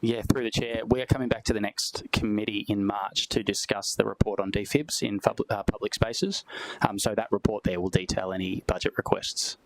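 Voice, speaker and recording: Man, australian accent, council officer, quick talker, gravelly voice, formal answers. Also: on the low side, fairly even intonation, rough recording. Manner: brisk, formal, "through the chair". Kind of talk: answering questions at a meeting.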